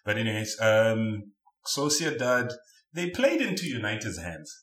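A man talks through a match in a relaxed, sometimes unsure way. His voice is fairly low, and the room gives it a noticeable echo. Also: a little slow. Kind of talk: casual football chat. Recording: roomy echo.

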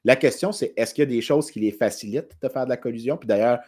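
Un homme à l'accent québécois, coanimateur de balado et économiste, qui explique l'histoire économique avec entrain dans une discussion décontractée. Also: male voice, medium pitch, fast. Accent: Québécois French. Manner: animated explaining, quotes in English. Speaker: podcast co-host, economist. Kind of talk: casual chat.

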